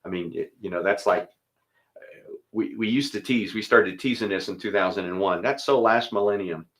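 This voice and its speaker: Male pastor, low register, relaxed conversational delivery with brief prayer. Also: moderate pace. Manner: easygoing, thinks aloud, chuckles between thoughts. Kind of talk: casual chat and spoken prayer.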